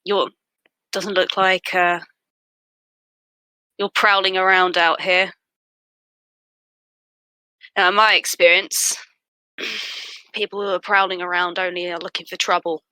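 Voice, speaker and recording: A woman voicing a tough, confrontational defender of a boarding house in a tabletop game, making measured threats and challenges. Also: fairly low pitch, flat delivery, pushed and bright, clear, resonant tone, no room sound, rough recording. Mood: challenging.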